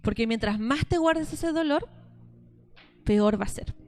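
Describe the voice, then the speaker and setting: A woman's voice: high voice, animated, unhurried, a little mellow. A woman, preaching a sermon as pastor and acting out both sides of conversations as she tells stories.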